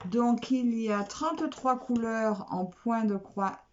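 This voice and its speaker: A woman vlogger chatting casually as she unboxes craft kits, repeating words and filling pauses with little asides. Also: on the high side, a little mellow. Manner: chatty, repeats words, many "alors" fillers. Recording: dull lo-fi recording with faint noise.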